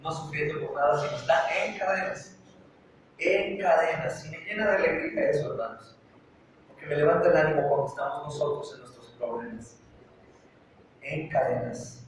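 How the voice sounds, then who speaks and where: A man's voice: fairly high pitch, quick pace. A male pastor preaching a sermon in a church, fervent and building to urgent repeated exhortations. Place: church sanctuary. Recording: very echoey church, voice from a distance, faint noise.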